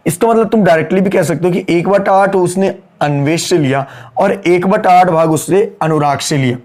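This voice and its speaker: A man teaches an online accountancy class in Hindi sprinkled with English terms, working through sums aloud and scolding his students in a brisk manner while repeating key lines. His voice sits high and is a little mellow, but his throat sounds sore and strained.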